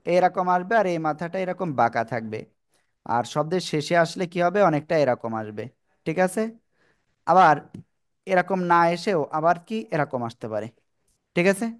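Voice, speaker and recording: A man's voice: a little high, animated, normal speed, long pauses, clean tone. A man teaching an online class over a video call, repeating his instructions and encouraging the students.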